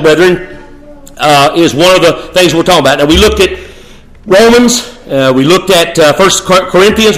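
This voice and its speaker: A man preaching a sermon, quoting scripture in old-fashioned wording and rising to a raised, forceful voice on his key points. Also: a little high, poor audio.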